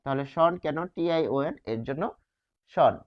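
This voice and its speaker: A man teaching a grammar lesson, posing rhetorical questions and answering them, stretching key words slowly. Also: a little high, smooth. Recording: dull lo-fi sound.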